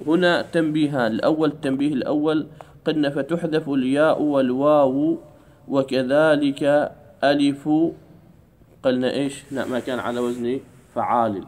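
A man teaching an Arabic grammar lesson in a classroom, drawing out key words slowly and keeping the class engaged with questions. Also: medium pitch, fairly even intonation, a little mellow. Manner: drawls key words slowly, keeps asking "what?".

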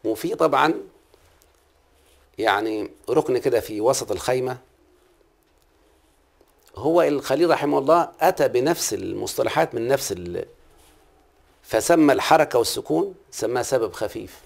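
Middle-aged Egyptian-accented male teacher, gravelly voice, patient classroom questioning. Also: mid-range voice, expressive, normal speed, long pauses. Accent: Egyptian Arabic. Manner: patient, quizzes the class and repeats key terms. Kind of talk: classroom lesson on Arabic prosody.

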